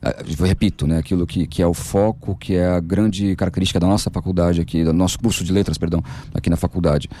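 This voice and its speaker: A Brazilian man, a university language professor, explaining things quickly with frequent restarts. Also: sits low, fairly even intonation, mellow, no echo. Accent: Brazilian Portuguese. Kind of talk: explanatory interview answers.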